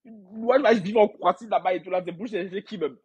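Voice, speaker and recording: Speaking briskly in a high voice with a darkish, breathy quality, a man runs a casual gossip livestream and reads comments from his viewers. The audio sounds dull. He laughs often, rambles and repeats words while talking directly to his audience.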